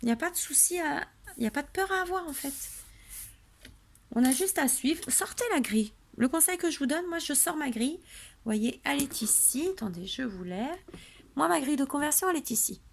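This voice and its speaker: Tired, chatty woman with a gravelly voice. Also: sits high, lively intonation, brisk, slight background noise. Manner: rambling, chatty, many fillers and restarts. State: drowsy and tired. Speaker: papercraft tutorial host. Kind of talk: casual tutorial chat. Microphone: camera on a tripod.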